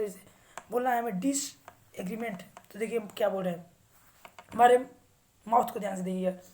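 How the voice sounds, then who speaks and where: A woman teaching English vocabulary who reads English sentences slowly with an Indian accent and then explains them in Hindi. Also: on the high side, warm tone. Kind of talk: slow English vocabulary lesson.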